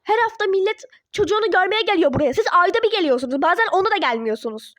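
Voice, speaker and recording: A woman's voice: very high-pitched, lively intonation, quick pace, no room sound, studio quality. A woman voicing a defiant teenage girl who argues with her parents in a toy-app role-play drama. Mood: pleading. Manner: indignant, argumentative.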